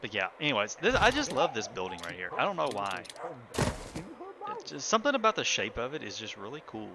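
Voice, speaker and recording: A man's voice: medium pitch, fairly quick, noisy background. A man streaming a building game live, chatting casually to himself and his viewers as he builds. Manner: relaxed, talks to himself while building, chats with viewers.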